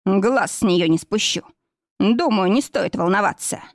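A woman reading the part of a polite, steady young man who speaks in short, firm phrases. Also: mid-range voice, a little slow, no echo, clean studio sound, lightly acted.

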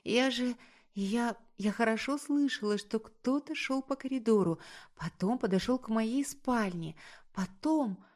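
A woman's voice: medium pitch, expressive, normal speed, voice pushed up, close to an everyday voice. A woman reading a story, voicing a young village woman who is frightened and emotional.

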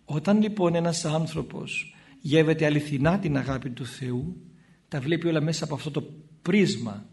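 A man's voice: a little high, darkish tone. A male Orthodox priest giving a spoken sermon in a conversational way, acting out short exchanges between people. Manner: conversational, acts out little dialogues in shifting voices.

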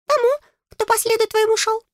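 A woman voicing a tiny male fairy in an audiobook, squeaky, pompous and greedy, with a bossy, indignant manner. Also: little pitch movement, fairly quick, no echo, studio quality. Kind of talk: audiobook character voice.

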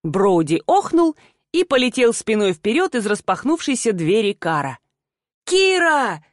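Casting: woman audiobook narrator, medium pitch, steady first-person storytelling, dry close mic. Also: normal speed, no echo.

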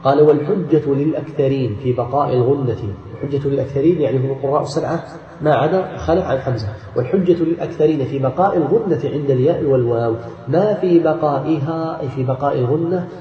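Male sheikh from Algeria giving a classroom commentary: he reads a passage, then explains it deliberately. The recording is distant and roomy. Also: medium pitch, highs cut off. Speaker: sheikh teaching Quran recitation rules.

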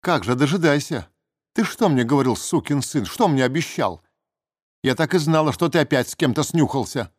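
Jealous young ex-lover in a screaming rage, voiced by a man, pitch pushed up and loud, dry booth sound. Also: unhurried, hardly any pauses, no room sound, lightly acted. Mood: furious, hysterical. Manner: shouting insults, hysterical.

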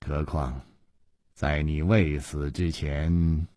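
A man voicing a scheming young male villain who speaks in slow, hushed, drawn-out threats, as part of a Chinese storytelling radio reading. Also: a bass voice, fairly even intonation, no echo, studio quality, voice pushed down, exaggerated voice. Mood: coldly calculating.

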